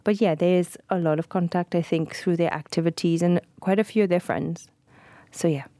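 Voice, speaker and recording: A woman, answering interview questions in a relaxed, chatty way with many fillers. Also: on the low side, normal speed, no room sound. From Trinidad. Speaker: guest.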